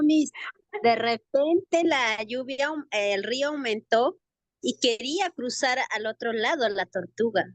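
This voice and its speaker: High-voiced student woman. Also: fairly bright tone, no echo. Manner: hesitant, making up a story.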